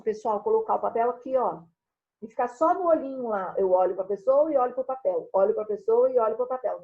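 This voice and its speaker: A Brazilian woman teaching an online class in a lively, chatty way, speaking straight to her students. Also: fairly high pitch, husky, lo-fi sound. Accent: Brazilian Portuguese. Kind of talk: recorded online lesson.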